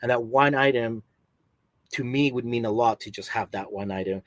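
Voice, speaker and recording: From a basement at home on a video call, a middle-aged Peruvian man chats easily about collecting as a guest on a podcast, his Peruvian accent clear. He speaks at medium pitch and normal speed, with no room sound.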